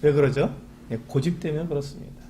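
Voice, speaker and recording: A man's voice: fairly high pitch, quick pace, warm tone, a little hiss or hum. A man preaching a Sunday sermon as pastor, asking rhetorical questions and acting out little pleas in a chatty way. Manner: acts out quoted pleas to God. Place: church sanctuary.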